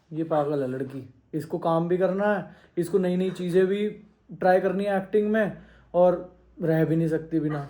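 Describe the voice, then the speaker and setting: A young man vlogging casually, excited and teasing, talking to his viewers from a car and at home. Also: high-pitched, normal speed. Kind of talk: casual vlog chat.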